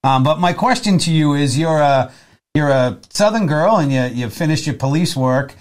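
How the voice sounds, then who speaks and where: A man's voice: fairly high pitch, moderate pace. A man in his forties with a Boston accent, co-hosting an interview in a chatty, rambling way that keeps circling back on his words. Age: 40s. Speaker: podcast co-host. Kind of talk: casual interview chat.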